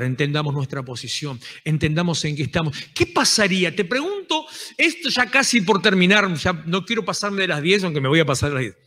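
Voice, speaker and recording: Pastor, Rioplatense man, fiery sermon delivery; high, bright voice in a reverberant church hall. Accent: Rioplatense Spanish. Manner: impassioned preaching, rising to shouted exhortations.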